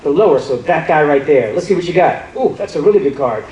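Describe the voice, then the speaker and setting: A man's voice: a little high, expressive, fast talker. A man performing as a stage magician, teasing and joking with the audience. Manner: joking, teasing the audience, bursts of loud hype. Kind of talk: live magic show banter. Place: large theater on a cruise ship. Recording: echoey hall recorded from far off, crowd noise. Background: audience chatter and laughter.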